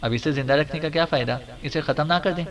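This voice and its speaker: A man voicing a cold, blunt female agent, slightly higher than his own voice, recorded on a distant mic. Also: a crowd in the background, natural voice.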